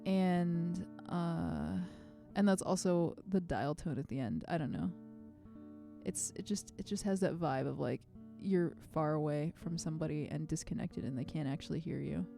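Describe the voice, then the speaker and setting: A young woman musician livestreams her own release party, chatting casually over a home streaming mic in a meandering, self-effacing way. Her voice is low-pitched and warm with vocal fry, at a moderate pace, and faint music plays in the background.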